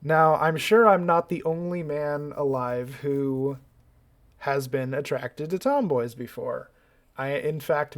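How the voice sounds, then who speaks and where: A man with an American accent giving casual YouTube commentary, halting with many fillers and dry sarcasm. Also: on the high side.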